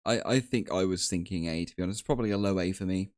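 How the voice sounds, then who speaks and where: A man's voice: low voice, fast talker, a little mellow, dry recording, clean studio sound. A man guesting on a live stream, easygoing and stumbling over his words. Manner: stammering restarts, easygoing. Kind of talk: casual chat.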